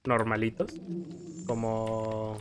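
A young gameplay commentator with a Mexican accent talks extremely slowly in a lowish, monotone voice, with a little hiss or hum and game music in the background. He's casual and rambling, stammering as he tells stories and acting out scared quotes.

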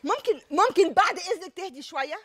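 A woman's voice: very high voice, animated, quick pace. A woman in her thirties with an Egyptian accent, hosting a hidden-camera prank and pleading her way out of a staged quarrel. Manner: flustered, pleading, repeatedly backing out. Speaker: prank show host acting a part.

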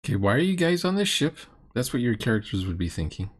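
Here a middle-aged critic fires off very animated, fast reactions to a roleplaying game video. His medium-pitched voice has a breathy edge, and his remarks are blunt, sarcastic and exasperated.

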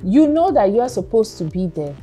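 A woman co-hosting a casual film review, lively and teasing with quick interjections. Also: mid-range voice, faint music behind. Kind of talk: casual movie review chat.

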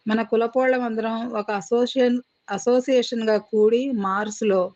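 A woman's voice: medium pitch, a little mellow, lo-fi sound. Woman reading a short story aloud. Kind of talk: audiobook narration of a short story.

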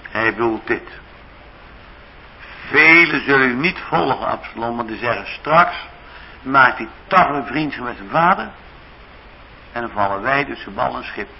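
A man's voice: medium pitch, expressive, a little slow, gravelly, long pauses, highs cut off, slight background noise. A man with a Dutch accent preaching a sermon in a church, acting out the biblical figures' speech dramatically. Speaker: pastor.

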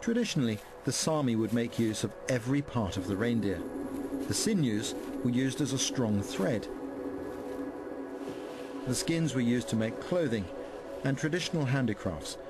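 Man reading doc voice-over, steady calm tone, mid pitch, faint hiss behind. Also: moderate pace. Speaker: presenter narrating. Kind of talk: scripted documentary narration.

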